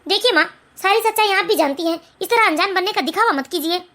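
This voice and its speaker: A woman voicing a newly married young son in an animated family story, firm and defensive. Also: very high voice, fast. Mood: explaining.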